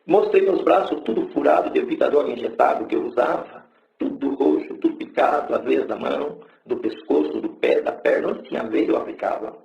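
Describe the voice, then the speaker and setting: A man's voice: mid-range voice, a little fast, gravelly, echoey room, lo-fi sound. A man giving a fervent religious testimony to a congregation, telling his story and rising into exclaimed praise. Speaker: church member giving testimony.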